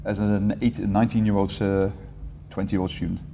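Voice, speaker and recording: An English entrepreneurship teacher in his forties answers interview questions as a guest, relaxed and rambling, correcting himself mid-sentence with light humor. His voice is low and mellow with vocal fry, at a moderate pace. The room's long reverberant tail sits over faint ambience, plus a little hiss or hum.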